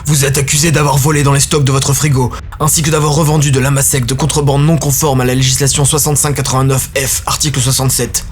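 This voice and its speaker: A man's voice: mid-range voice, little pitch movement, fast talker, hardly any pauses, soft background music, close to an everyday voice. A man doing a cold armored enforcer. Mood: cold official. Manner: cold, bureaucratic recitation. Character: stern armored male enforcer, cold and official.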